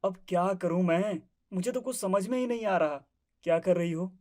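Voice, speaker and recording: A woman's voice: fairly low pitch, normal speed, darkish tone, close to an everyday voice. A woman voicing a shy young husband who grumbles and tries to placate his wife. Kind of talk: family drama acting.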